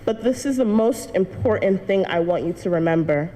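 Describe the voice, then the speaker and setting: Speaking at a normal pace with medium pitch and a dark tone, this young adult woman sounds animated as she shares her earnest testimony with a church congregation. She's a student who tells her story with light laughter. Long church reverb and faint noise fill the church hall recording.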